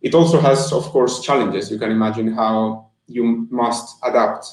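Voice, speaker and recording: A Colombian man, a marketing manager appearing as a guest, answers interview questions on a live stream from an echoey indoor room over a video call. He is earnest and thoughtful but restarts often, with a steady, mid-range voice at a moderate pace.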